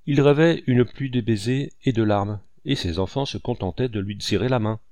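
A man reading a classic novel aloud in measured, clear storytelling. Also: mid-range voice, darkish tone, no echo. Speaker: audiobook narrator. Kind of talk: scripted narration of a classic novel.

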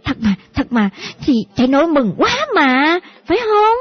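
A woman's voice: high voice, sing-song, normal speed. A woman voicing a tearful, doting old grandmother, fussing and repeating herself in an audiobook. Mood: soothing. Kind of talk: audiobook character voice. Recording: dull lo-fi audio with faint music.

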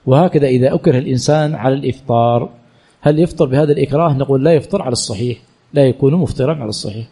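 A man's voice: medium pitch, racing, mellow, husky. A man teaching as a sheikh, reading out questions and answering them in a colloquial style with frequent repetition. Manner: reads each question aloud, then answers with repeated phrases; colloquial, self-correcting delivery. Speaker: sheikh teaching Islamic jurisprudence. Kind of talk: answering listeners' questions in a religious lesson.

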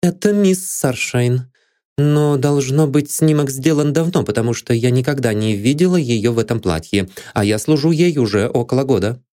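A woman's voice: a bass voice, lively intonation, normal speed, dark tone, pitched above the performer's own voice. A man voicing a loyal, passionate young maid who defends her dead mistress, in an audiobook reading. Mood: earnest. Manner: earnest and pleading.

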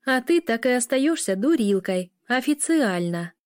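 A sassy, quick-tempered kid sister, her voice jumping up high whenever she protests, played by a woman reading. The tone stays mellow and close, with no room around it. She fires back at her brother and everyone else. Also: big pitch swings, no echo. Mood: indignant. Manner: indignant, squealing retorts. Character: teenage girl, cheeky, quick-tempered younger sister.

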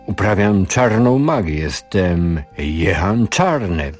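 A man's voice: sits low, very animated, takes it slowly, soft background music, exaggerated voice. A man voicing a proud, gloomy medieval French alchemist who speaks in a declaiming, theatrical way.

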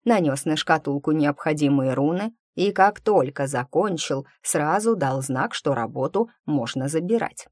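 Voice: medium pitch, animated, unhurried, hardly any pauses, dry recording, studio quality. A reader voicing an old wry magic master. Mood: recounting. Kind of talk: audiobook character reading.

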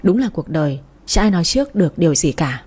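A woman's voice: lowish voice, sing-song, fast, a little mellow, slightly rough. A young woman narrating a first-person story in a wry, matter-of-fact way.

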